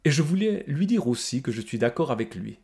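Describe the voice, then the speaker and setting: A man reading the lines of a blunt, scornful male inmate librarian in a deliberate, cutting way. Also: medium pitch, very animated, a little mellow, voice pushed up. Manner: cutting, deliberate, stresses each syllable.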